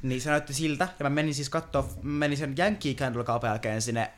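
A young man co-hosting a podcast, telling stories in a lively casual way and laughing often. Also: mid-range voice. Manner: animated storytelling, laughing often. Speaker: podcast co-host. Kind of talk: casual chat. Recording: noisy background.

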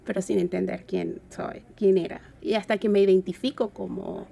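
A woman with a Venezuelan Caribbean Spanish accent, talking reflectively in an interview and often halting to search for words. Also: medium pitch, steady tone, gravelly, mellow. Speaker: interview guest. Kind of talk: reflective conversational interview talk.

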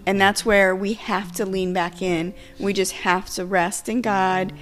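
A woman's voice: medium pitch, flat delivery, measured pace, fairly bright tone. A middle-aged woman co-hosting a devotional podcast with her husband, speaking heartfelt and emotionally, often stopping and restarting her sentences. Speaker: podcast co-host. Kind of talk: devotional casual chat.

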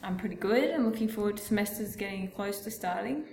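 Female podcast co-host, mid-pitched voice, casual conversational delivery, strong room echo. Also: fast talker, vocal fry, a little mellow, slight background noise. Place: echoey university room. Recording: echoey room.

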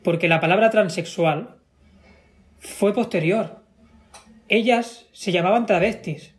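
A man's voice: high-pitched, takes it slowly. A man with a Spanish accent talking in a casual conversation, emphatic and given to repeating himself for stress. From Spain.

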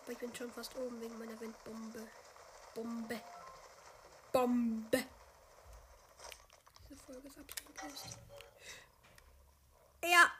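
Woman chatting thru a game, kinda high voice, yells then mumbles, lots of noise behind her. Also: steady tone, brisk. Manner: chatty, swings between loud outbursts and quiet mutters. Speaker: gamer. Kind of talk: casual gameplay commentary.

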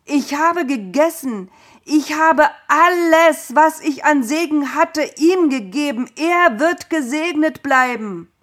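A woman's voice: medium pitch, steady tone, a little mellow, pitched above the performer's own voice, natural voice. A woman voicing a solemn old patriarch. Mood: distraught. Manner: solemn, slow blessing voice. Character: old blind patriarch father, solemn then distraught.

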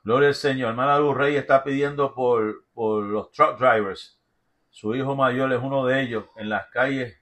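A pastor leading an intercessory prayer, a man whose voice comes through bright and forceful. He prays with fervor and keeps repeating short phrases of praise between his lines. Now and then he reads out prayer requests. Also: medium pitch, steady tone, moderate pace. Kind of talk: fervent prayer broadcast.

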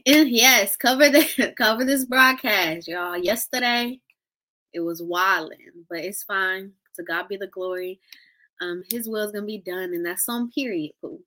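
A woman's voice: mid-range voice, measured pace. A woman hosting a live show in a casual, slangy, playful way, chatting with viewers and leading a short prayer. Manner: lively, slangy, playful and laughing. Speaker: host of a live interview show. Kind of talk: casual livestream chat with prayer.

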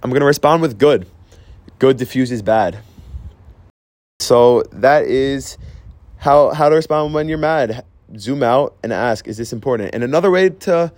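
A man's voice: mid-range voice, dry recording. A young man talking earnestly about handling emotions, telling personal stories with frequent restarts. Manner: earnest, storytelling, with restarts and "I'm like". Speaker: host sharing personal advice. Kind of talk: reflective personal talk.

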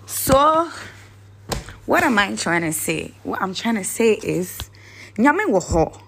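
Woman vlogger, unhurried and gravelly, casual and searching. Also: mid-range voice, very animated, fairly bright tone. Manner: rambling, searching for words. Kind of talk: casual motivational talk.

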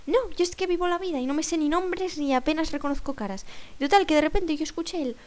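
High-voiced young storyteller. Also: female voice, fast, a little mellow. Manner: rambling, self-mocking, lots of fillers. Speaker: vlogger. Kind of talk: casual storytelling.

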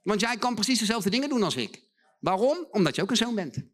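A man's voice: high voice, very animated, fast, a bit bright. A middle-aged man preaching a sermon in a church hall, emphatic, repeating phrases and acting out the voices he quotes.

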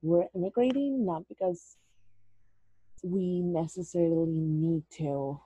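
A woman's voice: on the low side, takes it slowly, dark tone, husky, no room sound, poor audio. A woman, a guest telling her story earnestly in an interview, dropping in words. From El Salvador. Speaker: guest, educator. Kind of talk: interview conversation.

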